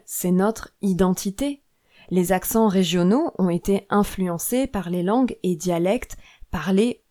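A woman who teaches French, hosting a scripted podcast lesson and explaining in a clear, measured way. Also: medium pitch, darkish tone.

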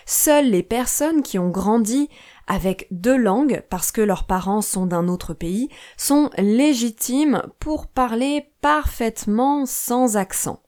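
Slow, careful French woman podcaster. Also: a little high, a little mellow. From France. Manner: slow, clear, careful delivery. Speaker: podcast host, French teacher. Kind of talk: scripted podcast narration for language learners.

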